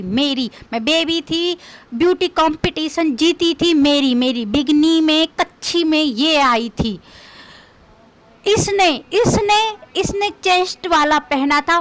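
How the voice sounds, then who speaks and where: A woman's voice: high voice, fairly bright tone. A woman doing a comic rant in a scolding, mocking, quarrelsome way. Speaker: comedian.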